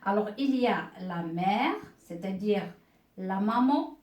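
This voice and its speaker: A woman teaching a beginner French lesson, speaking slowly and patiently, repeating each word and checking that pupils follow. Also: medium pitch, expressive, darkish tone, roomy sound. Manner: slow, patient, repeats words and checks with "d'accord?".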